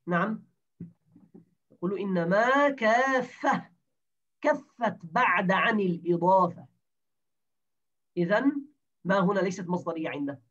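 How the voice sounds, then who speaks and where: A man's voice: high-pitched, lively intonation, unhurried, long pauses, a bit bright. A man teaching a grammar class, explaining step by step and quizzing his students with questions. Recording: distant dull lo-fi recording.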